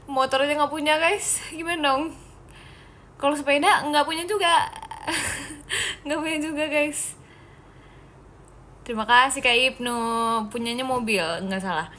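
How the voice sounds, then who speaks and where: A young woman chats casually on her live stream, reading comments aloud and joking back with fans. Her voice sits a little high and bright. She sounds playful and giggly, often addressing viewers as "guys.". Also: slight background noise.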